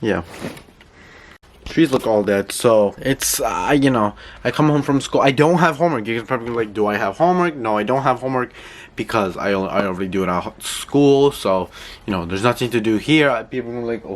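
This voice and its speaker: A teenage boy from New York rambles through a casual vlog filmed indoors at home. His mid-range voice comes fairly quickly and sounds congested and nasal, and he seems self-conscious, packing his talk with fillers.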